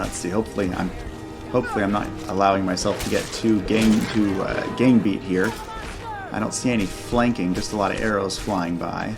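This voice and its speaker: Man, fairly low pitch, casual game showcase host, chatty commentary, faint music behind. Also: vocal fry. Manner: chatty, thinking aloud. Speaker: gaming channel host.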